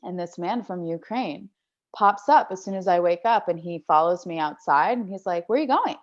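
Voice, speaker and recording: A woman guest on a podcast, telling a personal story in a lively, casual way with lots of fillers. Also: lowish voice. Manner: animated, fast storyteller with many "like" fillers. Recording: dull lo-fi podcast audio.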